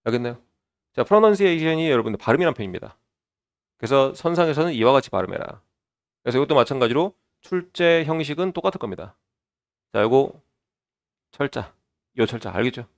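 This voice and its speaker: Male lecturer, middle-aged, gravelly tone, patient step-by-step exam prep delivery. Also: mid-range voice, expressive. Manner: explains step by step, opens lines with a drawn-out "자".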